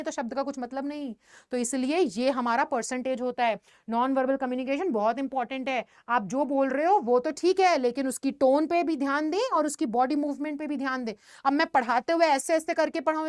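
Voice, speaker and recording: High-voiced Indian woman teaching lively. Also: no room sound, clean studio sound. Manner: animated, addresses students as beta, mixes English phrases. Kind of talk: online exam-prep lesson.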